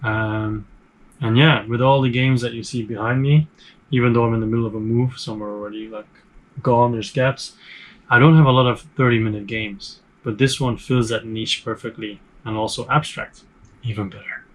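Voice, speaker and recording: A man's voice: mid-range voice, steady tone, normal speed, poor audio. A man hosting a board game review channel, talking casually to camera in a room full of game shelves, chatty and rambling, with many fillers and restarts.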